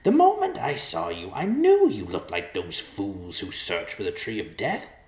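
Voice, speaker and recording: A man's voice: on the low side, huge pitch swings, a little slow, a little mellow, reverberant. A man voicing a sly, mocking male talking vulture in a storybook reading, teasing and boastful.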